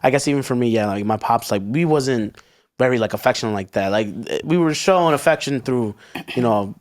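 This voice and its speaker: A man's voice: medium pitch, brisk. A man co-hosting a casual podcast chat, joking and teasing, often laughing. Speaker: podcast co-host.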